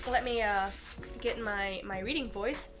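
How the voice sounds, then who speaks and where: A woman's voice: mid-range voice, normal speed, over music. Congested woman streamer thinking aloud. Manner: rambling, thinking aloud with many fillers. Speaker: streamer playing a mystery game. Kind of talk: casual chat and reading aloud.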